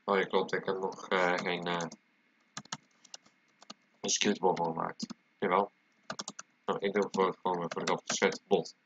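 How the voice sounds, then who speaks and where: A man with a low voice and a stuffy nose from a cold talks casually through a computer tutorial. The recording is dull and lo-fi, with clear noise and keyboard clatter behind him. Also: little pitch movement, normal speed, long pauses, fairly bright tone. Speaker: tutorial presenter. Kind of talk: casual screencast tutorial, talking while typing. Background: keyboard typing and clicking.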